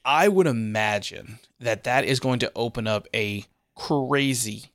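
A man's voice: mid-range voice, unhurried, fairly bright tone, no room sound, clean studio sound. A man co-hosting a casual podcast, musing and thinking aloud. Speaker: podcast co-host. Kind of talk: casual chat.

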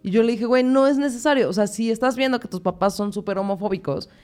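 A woman's voice: on the high side, fast, a little mellow, smooth. A young woman with a Mexican Spanish accent, co-hosting a casual chat, blunt and joking with lots of slang. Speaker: podcast co-host.

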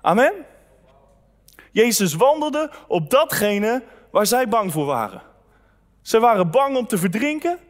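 A man delivers a sermon in an easy, conversational way, sharing personal stories and reading scripture aloud. His voice sits fairly high. The sound carries a long reverb, as in a large hall. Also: sing-song, a little slow. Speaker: pastor.

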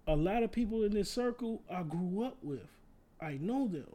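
A man with a slightly high voice, telling laid-back stories in a casual chat. He talks in heavy slang and swears freely. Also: lively intonation, normal speed, mellow. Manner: laid-back storyteller, laughs through his punchlines. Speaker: podcast co-host.

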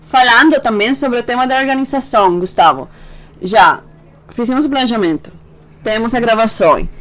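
A woman's voice: on the high side, animated, normal speed, a bit bright. Encouraging woman hosting a podcast. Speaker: podcast host.

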